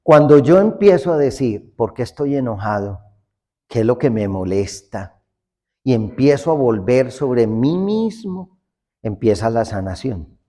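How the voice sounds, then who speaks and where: A Colombian priest preaches at an unhurried pace, joking and folksy, slipping into little acted-out exchanges. His voice rings with a long reverb, as if in a large church hall. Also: medium pitch, lively intonation, dark tone. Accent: Colombian Spanish. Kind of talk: humorous sermon.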